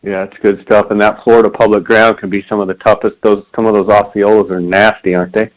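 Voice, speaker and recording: A man's voice: lowish voice, level tone, fast talker. A man hosting a casual interview, talking in a conversational way. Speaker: podcast host. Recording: slightly dull, band-limited audio.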